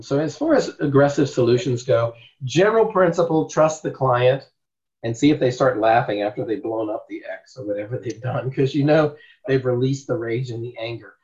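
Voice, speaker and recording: A male therapist teaches a group in a loose, rambling way, leaning hard on his points and tossing out rhetorical questions. His voice sits at a middle pitch. The recording is dull and lo-fi. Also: darkish tone. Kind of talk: informal teaching talk.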